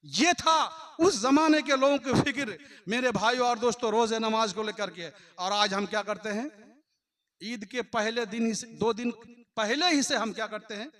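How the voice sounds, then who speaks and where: A male preacher with a very high, sharp, bright voice gives a Friday sermon in a mosque. He chants scripture quotes slowly, then explains them with rising passion.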